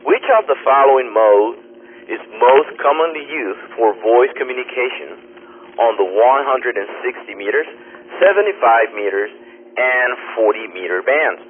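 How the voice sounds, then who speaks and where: A man on a ham radio net, heard through a radio transmission, slowly reading exam questions and repeating the options. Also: mid-range voice. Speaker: radio net quiz reader. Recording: tinny ham radio with faint static.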